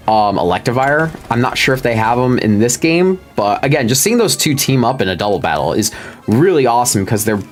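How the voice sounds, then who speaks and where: A man giving casual, rambling commentary as he plays a video game, chatty and full of fillers. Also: mid-range voice. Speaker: gaming video host. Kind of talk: casual let's-play commentary.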